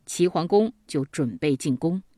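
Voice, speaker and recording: A woman narrating a children's story in a scripted storytelling style, with a lively delivery that acts out the characters' lines. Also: low voice, normal speed, dry recording, clean studio sound. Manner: lively, voices characters in dialogue.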